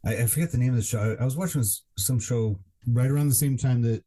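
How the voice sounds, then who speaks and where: A man's voice: medium pitch, quick pace, dark tone. A man co-hosting a podcast in casual chat, rambling with lots of fillers and restarts. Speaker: podcast co-host.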